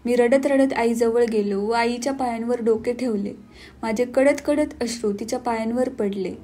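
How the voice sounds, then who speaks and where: A woman reading a classic novel aloud as an audiobook narrator, in a measured, earnest storytelling manner. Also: fairly high pitch, dark tone, slight background noise.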